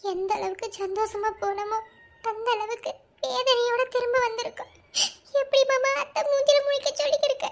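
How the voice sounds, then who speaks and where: A very high, squeaky young cartoon wife , played by a woman, rattling off her words fast in a Madurai Tamil accent. She is tearful one moment and sharp-tongued the next, always scolding her husband. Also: steady tone. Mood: sad. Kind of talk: cartoon voice acting.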